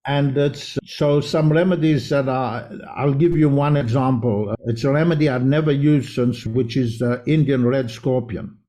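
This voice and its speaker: In this conversational interview, the guest is a homeopath from South Africa who grew up in Israel. He gives earnest, long, winding explanations at a normal speed with hardly any pauses, his soft, dark, mid-pitched voice keeping a fairly even intonation.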